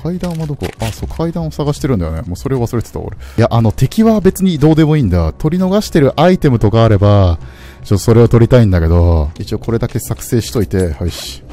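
A man commenting on a game he plays, swinging from low mutters to startled yelps. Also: big pitch swings, quick pace. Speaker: game streamer. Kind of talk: excited let's-play commentary. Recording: game music loud behind voice. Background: game sounds and music.

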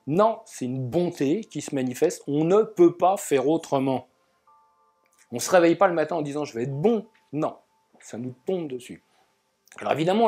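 A man giving a spoken talk about inner life, musing and telling anecdotes, with pauses and filler words. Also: on the high side, mellow, breathy edge. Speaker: alchemy speaker. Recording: faint guitar music behind.

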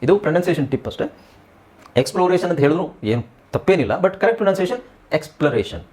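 A man with a Kannada accent teaches an online English class in a high, sing-song voice with a darkish tone. He drills word lists slowly, then switches to brisk explanations.

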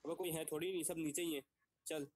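A man leading his squad in a mobile shooter match, giving quick orders to teammates over voice chat. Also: fairly high pitch, fairly even intonation, darkish tone. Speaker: squad leader and streamer. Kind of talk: gaming voice chat with phone calls.

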